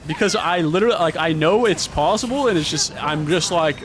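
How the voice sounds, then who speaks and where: A man streaming live gameplay, talking to himself and breaking into frustrated shouts. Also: on the high side, fairly quick. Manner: mutters to himself, bursts into shouts when frustrated.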